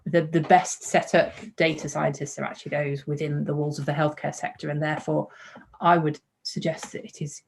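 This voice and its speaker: A woman's voice: sits low, flat delivery, brisk, gravelly, a little hiss or hum. A woman speaking over a video call, answering questions in an earnest way and repeating herself to stress her points. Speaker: conference speaker.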